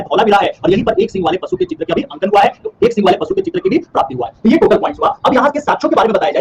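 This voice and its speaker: Male teacher with a high voice, lecturing online at a rapid pace, repeats each answer for revision. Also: creaky, slight background noise, low-quality recording. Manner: quizzes by asking and answering his own questions; repeats key terms for revision. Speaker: history teacher.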